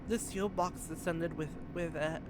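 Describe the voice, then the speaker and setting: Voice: mid-range voice, fairly even intonation, measured pace, heavy background noise. A game streamer reading story text aloud during a live playthrough, stumbling, rereading and chatting to viewers.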